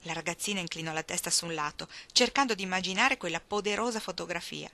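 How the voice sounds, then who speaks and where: A woman reading a novel aloud as scripted narration, clear and expressive. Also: on the low side, quick pace. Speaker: audiobook reader.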